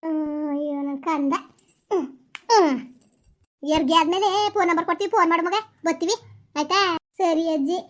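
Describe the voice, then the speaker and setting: A woman's voice: very high-pitched, fairly even intonation, moderate pace, pauses often. A woman acting as gossiping village women in a comedy skit, exclaiming often and repeating herself. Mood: gossipy. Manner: chatty, exclaiming, repetitive village talk.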